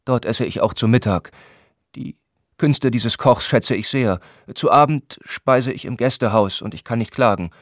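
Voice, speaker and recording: A man's voice: mid-range voice, unhurried, no room sound, clean studio sound, natural voice. A man voicing a stiff, dignified young patient who answers in a curt, formal way. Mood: matter-of-fact.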